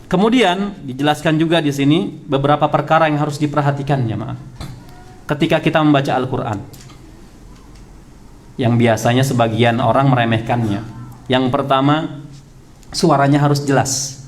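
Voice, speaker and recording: An Indonesian man giving a study lecture to a congregation in a prayer hall, repeating key points and drawing out terms slowly. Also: medium pitch. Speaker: religious teacher.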